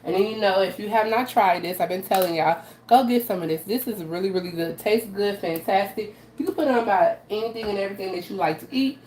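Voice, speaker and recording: Fast-talking with few pauses, a woman hosts a live cooking stream in her home kitchen, her medium-pitched, slightly mellow voice raspy from allergies. She chats casually with viewers, repeating "okay?" often, while adjusting the camera by hand; the sound has a roomy echo and faint background noise.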